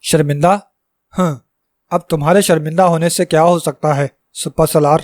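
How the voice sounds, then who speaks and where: A haughty little dwarf king on horseback, voiced by a male storyteller, shouting his commands. His tone is fairly high, and the sound is close and dry. It is read as a storybook. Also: fairly even intonation, dry recording, natural voice. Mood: scolding.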